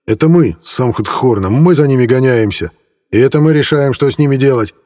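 A man voicing a surly, gruff bearded bandit leader who grumbles at strangers. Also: medium pitch, animated, brisk, warm tone, voice pushed up, close to an everyday voice. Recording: long reverb.

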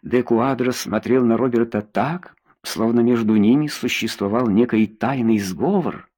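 A man's voice: mid-range voice, a little slow, darkish tone, husky. A man narrating an audiobook in the first person, reading expressively.

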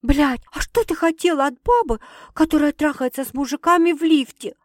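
A woman reading aloud puts on a flustered young woman confessing to her sister, sardonic and quick to swear. The voice sits fairly high and dry, close to the mic. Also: dry recording, lightly acted. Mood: rattled. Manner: exasperated, sardonic retorts with profanity. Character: young woman Sasha, rattled, sardonic and embarrassed.

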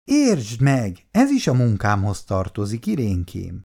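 Bandi, a reader voicing a soothing weary husband. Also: male voice, very animated, gravelly, darkish tone, exaggerated voice. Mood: placating. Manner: soothing, gloomy, low-voiced. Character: placating, weary young husband and father. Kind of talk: dramatized reading of a 1960s family story.

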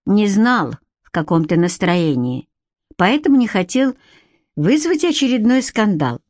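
The speaker is a woman reading a curt, cynical Viking warrior who coldly bosses his captive around. Her medium-pitched voice is very animated yet unhurried and a little mellow. It's a dry, clean studio recording.

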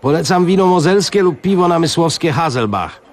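A man putting on a fawning high-voiced waiter. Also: expressive, a little fast. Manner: obsequious, high and sing-song. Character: fawning male tavern waiter, eager.

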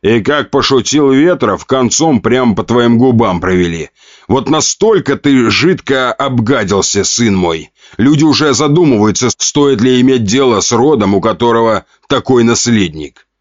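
A man's voice: mid-range voice, expressive, normal speed, no room sound, muffled recording, voice pushed up, natural voice. A man voicing a powerful duke who harshly scolds his son with scorn and mockery. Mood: mocking.

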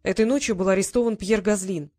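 A woman reading the lines of an urgent, blunt young English gentleman in an audiobook, in a pressing, hurried manner. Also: mid-range voice, no room sound, close to an everyday voice.

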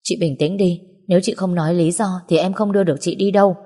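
A woman voicing a polite young male bodyguard who calms a frightened woman, in a storybook reading with long hall reverb. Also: fairly low pitch, fast, lightly acted. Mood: reassuring. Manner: polite, calming.

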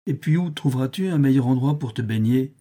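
A man's voice: medium pitch, a little fast, dark tone, close to an everyday voice. A man reading a storybook, voicing a proud, stubborn boy who brags and mocks his friends. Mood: scornful. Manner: bragging, scornful. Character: boastful boy pirate captain, proud and stubborn.

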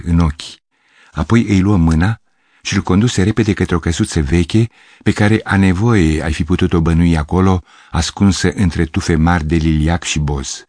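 A man narrating a literary short story in an audiobook, in a measured, steady way. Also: sits low, no echo, studio quality.

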